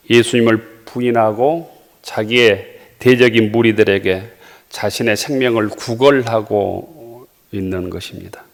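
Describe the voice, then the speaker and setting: A man delivering a sermon as pastor, reading scripture verses in a measured way and pausing with small fillers. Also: medium pitch. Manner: frequent hesitation fillers.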